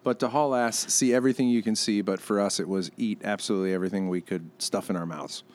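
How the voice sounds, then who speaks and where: A man's voice: fairly low pitch, fairly even intonation, fast, darkish tone. Wry storytelling man. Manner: wry storyteller, acts out quotes. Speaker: restaurant co-owner and chef. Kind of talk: casual podcast chat.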